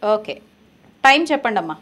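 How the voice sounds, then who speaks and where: A woman's voice: medium pitch, sing-song, fairly quick, fairly bright tone. A woman hosting a call-in show, politely announcing the events and taking callers' birth details.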